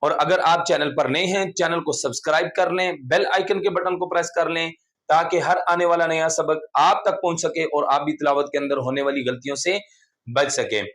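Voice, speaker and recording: Guy explaining quran reading slow and patient, kinda high pitched. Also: fairly even intonation, a bit bright. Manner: patient, repetitive explaining with frequent "theek hai". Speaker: Quran recitation teacher. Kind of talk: explanatory online lesson.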